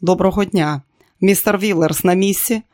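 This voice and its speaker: A man's voice: high-pitched, moderate pace, a little mellow, no echo, studio quality, natural voice. An audiobook reader voicing a male journalist who asks questions in a casual, probing way. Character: curious male newspaper journalist.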